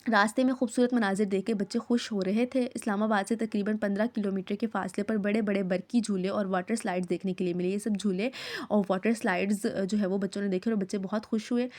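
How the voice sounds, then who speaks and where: A woman's voice: mid-range voice, steady tone, fast talker, a little mellow. A woman teacher from Pakistan leads a recorded Urdu lesson for her students. She reads the text aloud, explains each hard word in plain terms and keeps checking with "okay?".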